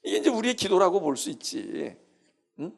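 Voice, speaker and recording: A man's voice: sits high, very animated, normal speed, creaky, slightly rough. A male senior pastor giving a sermon-style Bible lecture in a church, conversational and emphatic, repeating his key phrases.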